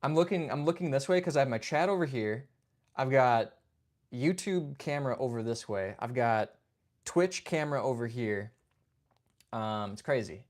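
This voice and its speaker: An animated young man with a mid-range voice, talking at normal speed, hosts a casual livestream chat. He's laid-back and chatty, reading viewers' comments, greeting them by name and constantly saying "man" and "dude."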